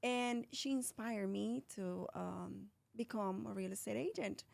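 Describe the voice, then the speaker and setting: Woman guest, real estate agent, gravelly, chatty, dry close mic. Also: mid-range voice, unhurried, a little mellow, no echo. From born in Colombia, raised in Philadelphia. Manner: chatty, restarts, many fillers. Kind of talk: casual interview answers.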